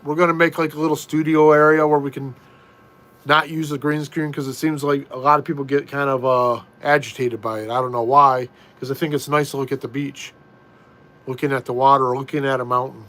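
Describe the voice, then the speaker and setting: A man's voice: medium pitch, level tone, fairly bright tone. A middle-aged American man hosting a casual live stream from a room at home, reading viewer comments in an easygoing way and often restarting his sentences. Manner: easygoing, slow, repeats himself and restarts.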